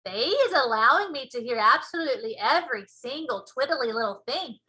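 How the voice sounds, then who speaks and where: A woman's voice: high voice, expressive, normal speed, bright, forceful tone. A woman voicing a big, proud, earnest male giant from a storybook, speaking emphatically in folksy muddled grammar with whimsical invented words.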